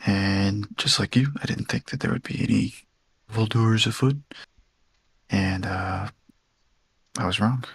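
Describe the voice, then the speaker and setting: A man's voice: on the low side, unhurried, pauses often, a bit bright, breathy edge, dry recording, full character voice. A man voicing an earnest male bird-folk adventurer, a former cook, in his own everyday voice. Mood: grim.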